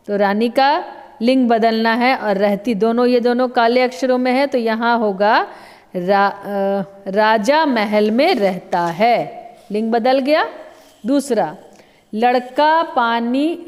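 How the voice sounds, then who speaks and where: A woman teacher slowly giving a grammar lesson, patiently explaining each answer with many examples. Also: on the high side, darkish tone, big-room sound. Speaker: Hindi teacher.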